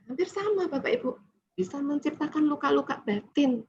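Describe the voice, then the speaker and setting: A woman giving a lively talk to parents, turning to the audience often and acting out family scenes. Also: sits high, brisk. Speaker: parenting seminar speaker. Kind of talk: presentation to parents. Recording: dull lo-fi recording with faint noise.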